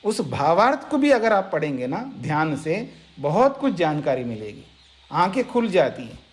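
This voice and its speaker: Higher-voiced man lecturing on scripture. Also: very animated, normal speed. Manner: explanatory, repeats key points, addresses listeners directly. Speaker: monk teaching scripture. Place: ashram lecture setting.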